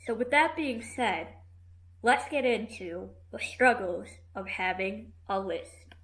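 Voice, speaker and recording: A woman's voice: medium pitch, lively intonation, slow pace, fairly bright tone, rough recording. A woman in her twenties with a lisp, chatting casually as she reacts to a video and speaks frankly about it. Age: 20s. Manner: frank, mildly critical, chatty with fillers. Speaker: YouTuber.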